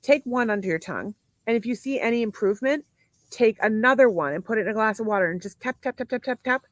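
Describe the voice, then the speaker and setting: A woman's voice: on the high side, expressive, fast talker, no echo. A woman in her forties co-hosting a casual podcast, rambling through lists with many fillers and swearing freely. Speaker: podcast co-host. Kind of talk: casual chat.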